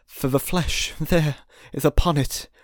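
A man voicing a stern, sorrowful male spirit with a solemn way of speaking that rises into loud warnings, in an audiobook reading. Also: fairly high pitch, fairly even intonation, measured pace, no echo, studio quality, voice pushed up, close to an everyday voice.

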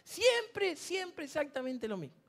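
A preacher delivering a sermon in a church with storytelling, moving between loud calls and hushed, near-whispered lines. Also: high-pitched, sing-song, measured pace. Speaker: guest preacher.

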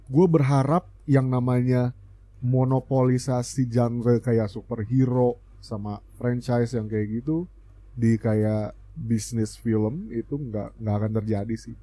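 A man's voice: medium pitch, fairly even intonation, takes it slowly, mellow, no echo. A young man with an Indonesian accent co-hosting a casual film chat, talking in emphatic slang and switching in and out of English. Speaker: podcast co-host. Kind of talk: casual chat about films.

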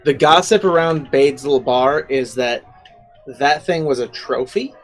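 A man narrating as game master in a casual tabletop game, relaxed and quick to laugh. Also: medium pitch.

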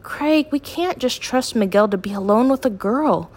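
A fretful, protective middle-aged mother from a storybook, read by a woman. She sounds worried and quick to object. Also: on the high side, animated, darkish tone, pitched above the performer's own voice.

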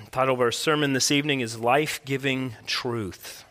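A man's voice: medium pitch, fairly even intonation, normal speed, sharp tone. A man, a pastor, preaching a sermon earnestly and emphatically into a pulpit microphone in a church. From United States. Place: church sanctuary.

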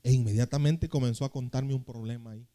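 A young male pastor, preaching a sermon that swings between loud, slow scripture reading and quick, quiet storytelling. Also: mid-range voice, steady tone.

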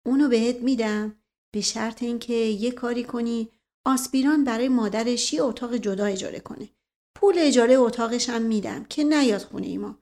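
A woman's voice: a little high, darkish tone, natural voice. A grumbling scheming man, as a woman narrator voices him. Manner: muttering, grumbling. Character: grumpy scheming middle-aged man, irritable.

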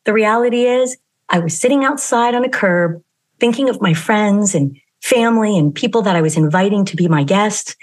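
A woman telling a calm, reflective story to open her podcast as its host. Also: mid-range voice, moderate pace. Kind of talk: storytelling show intro.

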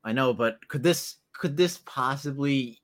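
A man's voice: medium pitch, a little slow. A man co-hosting a casual sports talk show, talking eagerly and conversationally. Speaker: podcast co-host.

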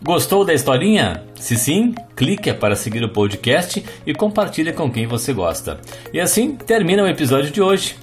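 A man's voice: on the high side, big pitch swings, moderate pace. Man announcing a podcast outro over music. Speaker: podcast host. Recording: faint music underneath.

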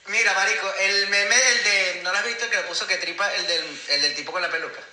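Brief: young Venezuelan man, podcast co-host, slangy banter, high and bright, echoey room. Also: steady tone, fast. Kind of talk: casual chat.

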